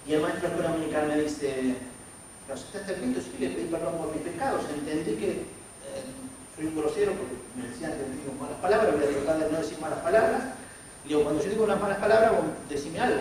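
A man in his forties speaks with an Argentine accent and a slightly high voice, telling his own story as a sermon and acting out what others said to him. He sounds set back from the mic in a very reverberant church hall. A faint noise floor sits under his voice. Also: a little mellow, recorded from a distance. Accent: Argentine Spanish. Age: 40s. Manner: storytelling with acted quotes of others. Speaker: preacher. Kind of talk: sermon testimony. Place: church sanctuary.

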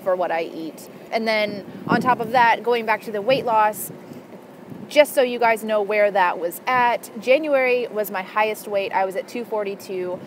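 Speaking at a moderate pace in a medium-pitched voice, a young woman vlogs to camera from an urban park. Her talk is informal and rambling, with frequent "like" and "you know," captured through her earphone mic along with outdoor background sounds.

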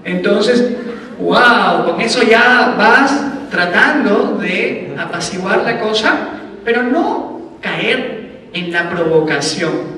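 A man's voice: very high voice, bright, forceful tone, slight background noise. A man teaching a class in a chatty way, often asking his students rhetorical questions. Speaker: instructor. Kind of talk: classroom lecture. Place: lecture room. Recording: echoey hall, mic far off.

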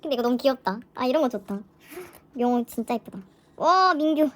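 Woman vlogger, high and lively voice, excitable fan chatter for an unboxing. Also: brisk, background noise. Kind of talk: casual unboxing vlog.

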